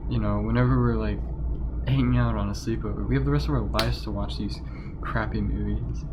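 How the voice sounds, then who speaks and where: A man's voice: lowish voice, steady tone, brisk. A nineteen-year-old college freshman chatting casually while playing a game, rambling through stories for a young viewer. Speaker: gaming channel host. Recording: dull lo-fi mic with noise.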